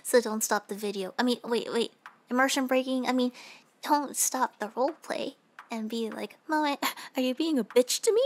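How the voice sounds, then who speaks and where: A woman's voice: fairly high pitch, normal speed, lightly acted. A woman playing a teasing young nurse in a casual, joking, rambling comedic role-play. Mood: flippant, chatty. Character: teasing, flippant young female nurse questioning a patient.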